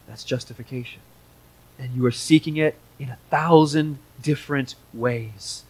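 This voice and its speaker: A man's voice: a little high, no echo, rough recording. Earnest male preacher, dry close sound. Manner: earnest, conversational preaching with small restarts. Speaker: pastor. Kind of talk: sermon.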